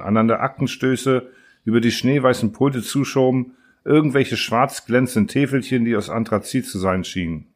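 A man reading a first-person story aloud as an audiobook narrator, in a measured storytelling manner. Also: mid-range voice. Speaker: audiobook reader. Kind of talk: scripted narration.

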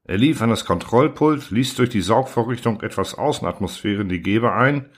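A man narrating an audiobook in a steady, even reading style. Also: on the low side, normal speed, breathy edge. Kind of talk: scripted narration.

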